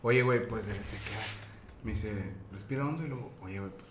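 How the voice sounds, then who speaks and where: A man's voice: fairly low pitch, brisk, reverberant. A Mexican man recounting a story in casual chat, slangy and quoting others. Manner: relaxed, slangy, quotes others in dialogue.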